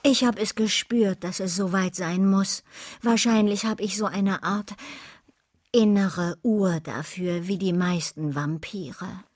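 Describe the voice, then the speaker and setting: A woman voicing an excitable, bossy young vampire girl in an audiobook, talking high and dramatically. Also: slow, dry recording, clean studio sound. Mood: matter-of-fact. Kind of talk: audiobook reading.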